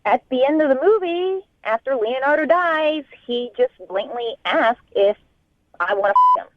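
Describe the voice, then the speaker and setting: A woman speaking over a muffled phone line into a radio show, her pitch swinging widely. She starts out halting and hesitant, then turns indignant. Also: expressive. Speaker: caller.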